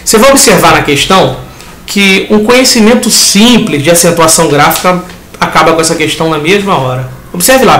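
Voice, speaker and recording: A man's voice: sits high, a bit bright, echoey room. A man with a Brazilian Portuguese accent teaching a lesson that reviews exam answers, talking the class through each step and acting out students' questions.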